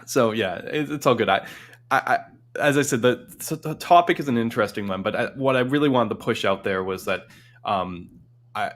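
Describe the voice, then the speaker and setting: A man's voice: fairly low pitch, fairly bright tone. A man hosting a casual tech livestream, rambling with many restarts and fillers. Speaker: livestream host.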